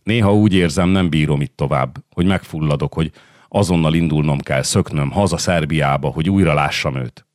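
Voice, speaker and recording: A man voicing the sultan's kind favourite wife, speaking in a hushed, confiding way. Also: rumbling low, no echo, studio quality.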